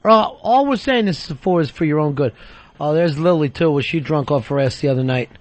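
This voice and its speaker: A man's voice: fairly high pitch, animated, brisk. Teasing, foul-mouthed male radio host. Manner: teasing, profane, laughs often. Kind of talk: casual radio banter.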